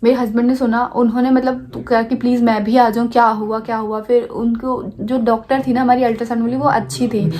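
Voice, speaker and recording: A woman's voice: a little high, flat delivery, brisk, few pauses, mellow. A young woman vlogger telling a personal story in a casual, rambling way, restarting sentences and mixing in English words. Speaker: lifestyle vlogger.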